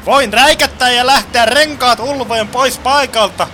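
A man playing a bossy, fussy would-be gang boss in an amateur radio play, talking in an excitable way. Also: very high voice, slight background noise, voice pushed up.

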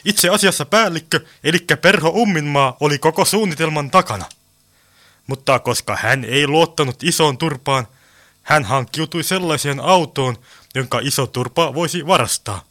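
A man's voice: fairly high pitch, bright, forceful tone. A man narrating a radio play in a mock-formal, dryly ironic way.

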